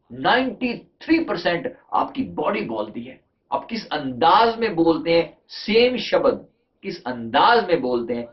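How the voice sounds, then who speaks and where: Speaking a little high, a man working as a life coach talks conversationally and motivationally about communication. He peppers his talk with English terms and rhetorical questions for his listeners, and the lo-fi recording sounds dull.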